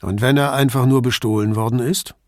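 A man reading an audiobook, voicing a gruff, skeptical male police inspector who grumbles slowly and doubts. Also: mid-range voice, fairly even intonation, no room sound, clean studio sound, lightly acted.

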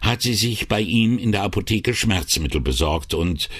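A man's voice: on the low side, expressive, normal speed, a bit bright, slightly rough, pitched above the performer's own voice, heavily acted. A man voicing a young, modest police officer who speaks hesitantly.

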